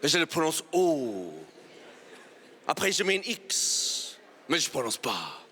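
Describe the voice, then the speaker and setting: A man's voice: fairly high pitch, sing-song, slow pace, pushed and bright. A man from New York with an American accent doing a self-mocking stand-up routine in French on a TV studio set. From New York, USA. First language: English. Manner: playful, self-mocking, punchline timing. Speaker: comedian guest.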